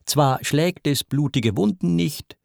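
A man's voice: a little high, slow, vocal fry, a little mellow, no echo, clean studio sound, voice pushed up, heavily acted. A man voicing a mocking goddess of fate in a spoken verse epic, ominous in tone.

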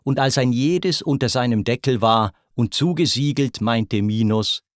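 A man reciting epic verse as narrator, with a measured, deliberate delivery. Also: medium pitch, dry recording, clean studio sound.

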